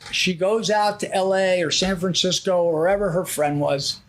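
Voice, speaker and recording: An older man, a podcast host, telling a long story in casual chat, rambling and dropping low to act out other people's lines. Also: moderate pace. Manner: rambling, drops his voice low to act out quotes.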